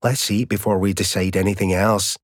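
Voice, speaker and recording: A man's voice: low-pitched, normal speed, no room sound, studio quality, natural voice. A man voicing a cold, practical male hiker ordering food and keeping the group on track, in an audiobook. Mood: calm. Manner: practical, calm.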